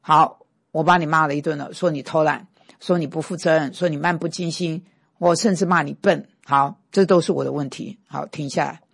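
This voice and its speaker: Woman preacher, low gravelly voice, emphatic delivery. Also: fairly quick. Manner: lively, emphatic, acts out quarrels. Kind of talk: sermon.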